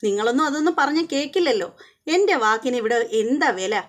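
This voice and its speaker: A woman's voice: high-pitched, animated, fast talker. A woman voicing a sulky, complaining middle-aged mother-in-law. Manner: whining, complaining.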